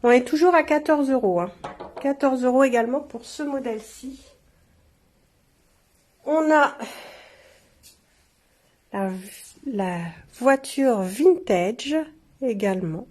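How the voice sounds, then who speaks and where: A woman's voice: high-pitched, slow pace, pauses often. A woman chatting casually to viewers as she shows off engraved glasses. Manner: chatty, warm asides to viewers. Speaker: shop presenter. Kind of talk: casual product showcase.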